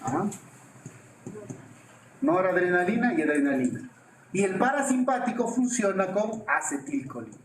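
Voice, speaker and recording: A man teaching an anatomy class, joking and quizzing his students with quick questions. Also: high-pitched, big pitch swings, slight background noise. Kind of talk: classroom lecture with jokes. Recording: echoey classroom with faint ambience.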